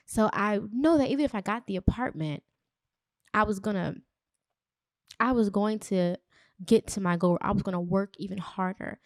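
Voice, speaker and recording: A young woman hosts her own podcast, speaking in a candid, reflective and chatty way straight to her listeners. Her voice has a gravelly, fry-tinged edge and sits at a middle pitch. It is recorded dry and close, with no room sound. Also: no echo. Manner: chatty, addresses listeners directly. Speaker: podcast host. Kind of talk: casual personal monologue.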